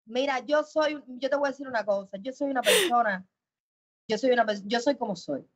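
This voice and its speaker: A woman guest on an interview show who talks in a loud, emphatic and animated way. Her voice swings between loud bursts and soft asides. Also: sits high, a little fast. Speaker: actress guest. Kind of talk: casual interview chat. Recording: dull lo-fi sound.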